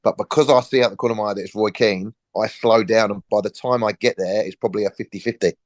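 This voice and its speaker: A man in his forties, a former footballer and podcast guest, telling a relaxed story and acting out the dialogue. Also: lowish voice, fast, dry recording. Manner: lively storyteller, acts out quoted dialogue, frequent restarts.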